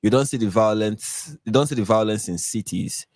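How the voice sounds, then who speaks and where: A man from Nigeria with a Nigerian accent, a podcast guest explaining things in a measured way over a video call. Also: on the low side, darkish tone, dry recording. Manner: measured, explanatory, with fillers and lists. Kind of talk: explaining in a live stream interview.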